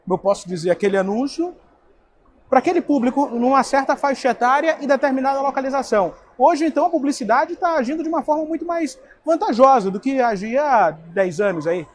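A man's voice: extremely high pitch, lively intonation, brisk, slight background noise. A young man, interviewing a guest at a trade fair booth on a lapel mic. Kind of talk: event interview.

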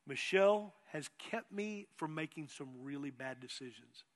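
A man's voice: on the high side, lively intonation, normal speed. A middle-aged man preaching a sermon as pastor, emphatic, often asking the congregation whether they hear him. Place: church sanctuary. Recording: long reverb of a church hall.

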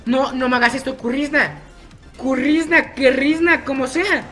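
A man's voice: extremely high pitch, fairly even intonation, moderate pace, pushed and bright, faint music behind. A man commenting on his own gameplay, chatty and teasing his opponents by name. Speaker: gaming YouTuber.

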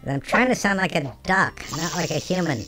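A game streamer talking through a voice changer that shifts the pitch, chatting casually with viewers while playing. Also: moderate pace, bright, forceful tone, faint music behind. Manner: chatty, talks to chat between game actions. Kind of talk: casual let's-play chat with viewers.

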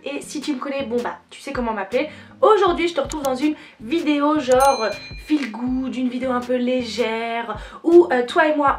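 High-pitched playful French woman vlogger. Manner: playful, self-mocking, chatty with filler words. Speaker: dance channel host. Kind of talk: casual vlog chat.

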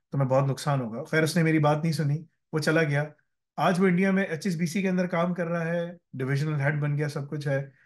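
A man's voice: a little high, a little mellow. A man answering interview questions with stories from working abroad, often slipping English phrases into his speech and checking in with "right?". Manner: mixes English phrases into his talk, often asks "ठीक है ना". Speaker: guest speaker on careers. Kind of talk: conversational interview answers with anecdotes.

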